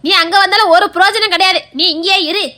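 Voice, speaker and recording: A woman's voice: very high voice, steady tone, pushed and bright. A woman playing a bossy, caring elder sister-in-law. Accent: Tirunelveli Tamil. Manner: scolding, motherly, brisk. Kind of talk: web series acting.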